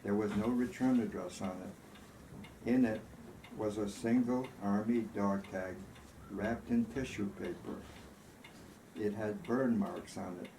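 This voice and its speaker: Man as thoughtful male veteran, storybook reading, gentle, slightly dark voice, echoey. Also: lowish voice, fairly even intonation, slow pace, pauses often. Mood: puzzled. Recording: roomy echo, faint background noise.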